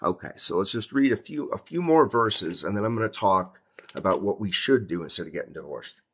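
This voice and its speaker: A man preaching a sermon, reading scripture slowly and then explaining it in emphatic, informal words. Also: fairly low pitch, expressive, slightly rough.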